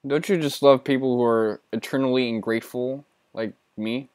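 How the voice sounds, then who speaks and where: Smooth-voiced, laid-back gaming host. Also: male voice, medium pitch, steady tone, moderate pace, a little mellow, no room sound. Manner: laid-back, profane and self-mocking. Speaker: let's play host. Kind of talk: casual gameplay commentary.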